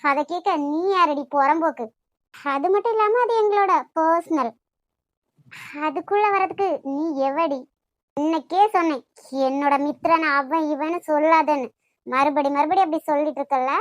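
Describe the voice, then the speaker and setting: A woman's voice: high voice, normal speed, no room sound, studio quality, natural voice. A woman with a Kanyakumari Tamil accent voicing a jealous young wife in a cartoon, taunting and scornful. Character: jealous scolding young wife, sharp-tongued. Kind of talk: cartoon voice acting.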